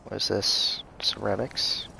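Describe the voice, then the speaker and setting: A man's voice: lowish voice, little pitch movement, takes it slowly, creaky, bright, forceful tone, slight background noise. A man casually commenting while livestreaming a video game, muttering frustrated reactions as he plays. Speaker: streamer playing a video game. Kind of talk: casual live gameplay commentary.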